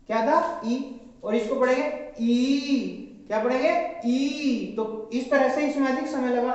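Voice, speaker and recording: A male coaching-center teacher giving a classroom lecture. He asks questions and answers them himself, repeating the key terms. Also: very high-pitched. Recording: very echoey hall, dull lo-fi audio.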